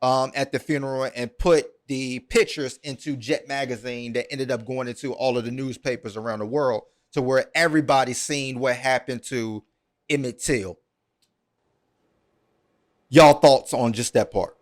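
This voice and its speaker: A man's voice: mid-range voice, steady tone, moderate pace. A man hosting a podcast, retelling a story at length in a casual, earnest way, with many ums and repeated words. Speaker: podcast host.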